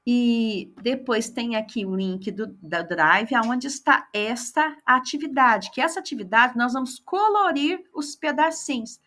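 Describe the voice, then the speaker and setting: A woman's voice: a little high, lively intonation, unhurried, hardly any pauses, pushed and bright. A Brazilian woman teacher patiently explaining a classroom activity, repeating key words often. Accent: Brazilian Portuguese. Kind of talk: instructional explanation.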